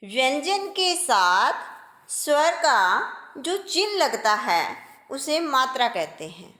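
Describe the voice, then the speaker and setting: Woman, patient schoolteacher, high bright voice, slow, echoey room. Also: very animated. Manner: slow, patient, addresses children as beta. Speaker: teacher. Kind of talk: primary school grammar lesson.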